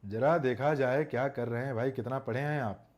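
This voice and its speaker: A man's voice: mid-range voice, a little mellow. Man teaching a live exam-prep class. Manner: chatty, scolding asides to students; reads English sentences slowly. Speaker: English teacher.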